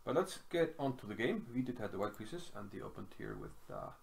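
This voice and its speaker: A man's voice: lowish voice, wildly swooping pitch, a little fast, gravelly, slight background noise. A middle-aged man from Iceland casually talking through a chess game at home, thinking aloud with lots of fillers. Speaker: chess commentator. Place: small room at home.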